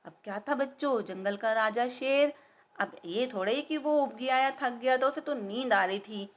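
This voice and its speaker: A woman's voice: a little high, normal speed. A woman teacher telling a story to children, stopping to explain words and ask them questions.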